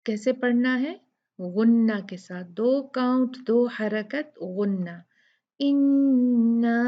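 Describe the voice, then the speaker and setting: Slow, patient woman reciting and teaching. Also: medium pitch, muffled recording. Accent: Pakistani Urdu. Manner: patient, drawn-out syllables, repeats sounds for students. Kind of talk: slow tajweed lesson with recitation.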